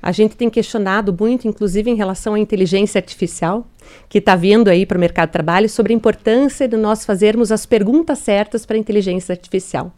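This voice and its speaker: A woman's voice: medium pitch, steady tone, fast, mellow. A woman in her forties, an interview guest speaking earnestly and thoughtfully. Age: 40s. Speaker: guest from industry. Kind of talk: radio interview answers.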